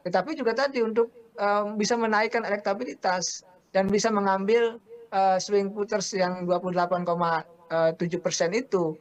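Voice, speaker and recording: A man speaking as a political analyst in a remote interview, deliberate and repeating phrases for emphasis. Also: high-pitched.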